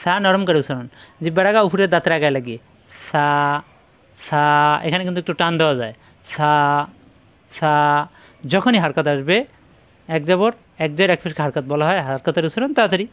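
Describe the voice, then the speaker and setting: A man teaching letter pronunciation, repeating syllables slowly and instructively, with a Bangladeshi Bengali accent. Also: fairly high pitch, expressive, fairly bright tone. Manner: repetitive, instructive, drawn-out syllables. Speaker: Quran reading teacher. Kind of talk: slow drilled pronunciation lesson.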